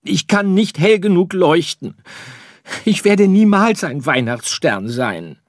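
A man's voice: sits high, big pitch swings, slow, no room sound, clean studio sound, voice pushed up, heavily acted. A man reading an audiobook, voicing a small boy star who is tearful and whiny. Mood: wailing. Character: little boy star, upset and weepy.

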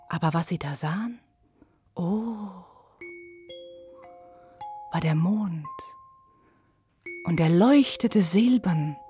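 A woman telling a fairy tale for young children, expressive and sometimes dropping to a whisper. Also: mid-range voice. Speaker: storyteller.

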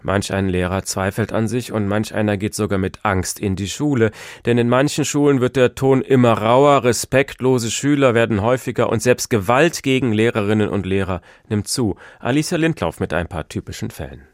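Radio host guy, lowish voice, dry studio sound, reads the links. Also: normal speed, hardly any pauses, no room sound. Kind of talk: scripted radio moderation.

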